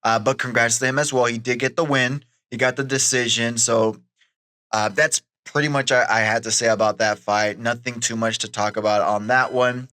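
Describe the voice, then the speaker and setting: Bright-voiced man, casual fight podcast host. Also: mid-range voice. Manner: halting, conversational, repeats words. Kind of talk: casual solo fight recap commentary.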